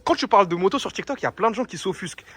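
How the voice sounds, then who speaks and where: A man's voice: high voice, lively intonation, racing, a loud crowd. A young man bantering casually in street slang with a friend. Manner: French suburban street slang. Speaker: friend filming behind the camera. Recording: ambient background noise.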